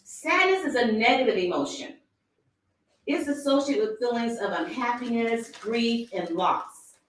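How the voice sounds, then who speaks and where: A woman's voice: on the high side, animated, unhurried, very echoey, recorded from a distance, slight background noise, low-quality recording. A woman giving a motivational talk to her sales team, acting out quoted thoughts and laughing often.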